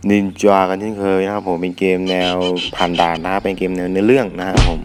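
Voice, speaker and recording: A man's voice: low-pitched, fast talker. A young man with a sore throat hosting his gaming channel, commenting casually and crudely as he plays, often talking to himself. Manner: crude, excitable, talks to himself while playing. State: sore throat, can't shout.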